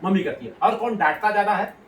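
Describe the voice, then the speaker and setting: A rationalist activist, a man with a high voice, quizzes a child in a casual, questioning chat, coaxing and laughing playfully. He speaks fast. The roomy sound comes from a distant mic, with slight background noise.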